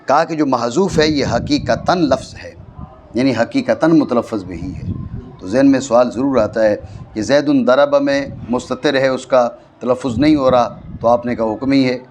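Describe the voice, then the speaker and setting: A man with a Pakistani Urdu accent teaching a classroom grammar lesson, explaining slowly and often checking that his students follow. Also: mid-range voice, a little mellow, slight background noise. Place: madrasa classroom.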